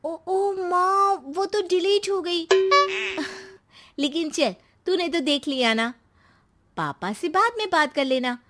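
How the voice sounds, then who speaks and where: A woman's voice: high-pitched, expressive, unhurried, a bit bright, faint music behind. A woman voicing a greedy, scheming young daughter in a moral story, insistent and insinuating.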